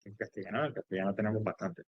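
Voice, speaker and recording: A man's voice: on the low side, fairly even intonation, very fast, no echo, highs cut off. Man teaching a grammar class. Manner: explanatory, with frequent fillers, restarts and checks like "¿vale?". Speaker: English teacher.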